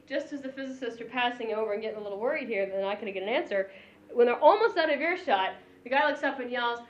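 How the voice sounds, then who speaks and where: Woman physics lecturer, brighter-pitched, playful classroom delivery, roomy lo-fi recording. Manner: animated, joking, chuckles between points. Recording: echoey, dull lo-fi room recording.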